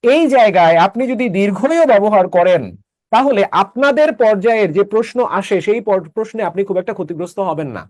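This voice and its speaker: A man's voice: high voice, animated, a little fast, darkish tone, no echo, clean studio sound. A man teaching an online class, explaining step by step and checking that students follow with short questions.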